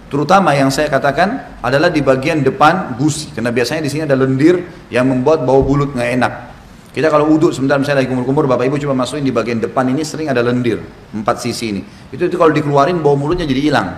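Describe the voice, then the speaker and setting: A male Islamic preacher giving a lecture, explaining and demonstrating each step with gestures and counting slowly. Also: mid-range voice. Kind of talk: religious lecture demonstrating steps. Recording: echoey room with faint noise.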